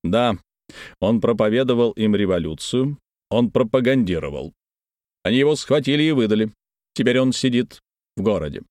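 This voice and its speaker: A man's voice: mid-range voice, animated, normal speed, pauses often, a little mellow, dry recording, studio quality, close to an everyday voice. A man voicing a pompous, self-important official who speaks in a commanding, condescending way in an audiobook. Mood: curt.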